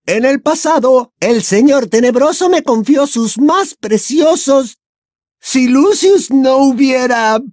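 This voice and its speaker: A man voicing a fanatical, quick-tempered woman in an audiobook, with a high, strained, accusing voice. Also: lively intonation, darkish tone, no room sound, studio quality, full character voice. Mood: furious. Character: shrill, scornful adult woman, fanatical and quick to anger. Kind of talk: audiobook character voice.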